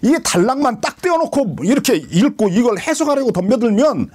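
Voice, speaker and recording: A husky man, a pastor teaching the Bible in a sermon, who asks rhetorical questions and answers them himself. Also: very high voice, very animated, a little fast, darkish tone.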